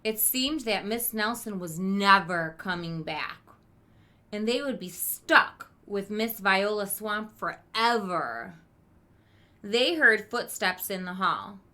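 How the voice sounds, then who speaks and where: A woman teacher reading a storybook aloud to children, expressive and emphatic, with questioning asides to her listeners. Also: mid-range voice, slow pace.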